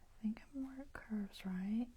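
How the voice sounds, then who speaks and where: A woman whispering softly as she paints, thinking aloud about colors and brushstrokes. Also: fairly high pitch, unhurried, slight background noise.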